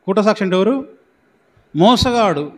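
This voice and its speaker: A man's voice: sits high, lively intonation, normal speed. A man preaching as a pastor in a church hall, quizzing the congregation with questions and repeating his points for emphasis. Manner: repetitive, emphatic delivery. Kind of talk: sermon. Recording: long hall reverb.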